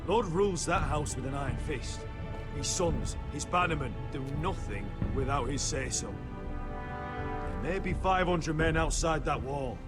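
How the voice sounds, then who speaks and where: An actor playing a bitter, determined young lord in a game drama, speaking forcefully and resolutely. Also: male voice, a little high, expressive, normal speed, natural voice. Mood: scheming, resolute. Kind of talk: dramatic video game acting. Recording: music behind the voice.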